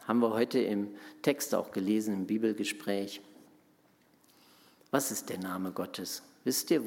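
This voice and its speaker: A man's voice: fairly low pitch, vocal fry. A man preaching in an interactive, conversational way, asking his listeners questions as he explains a Bible passage. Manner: asks the audience questions, conversational. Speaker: pastor. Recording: long hall reverb.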